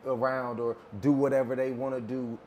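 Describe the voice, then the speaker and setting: A man co-hosting a podcast, talking casually and soft-spoken, often stumbling over and repeating words. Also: mid-range voice, flat delivery, moderate pace, a little hiss or hum. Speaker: podcast co-host.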